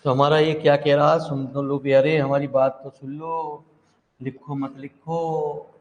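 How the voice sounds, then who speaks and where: A male math teacher giving a classroom lecture, speaking slowly and repeating himself while dictating notes to his students. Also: on the high side, level tone, dull audio. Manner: slow and repetitive, dictating notes, affectionate address to students. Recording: echoey hall.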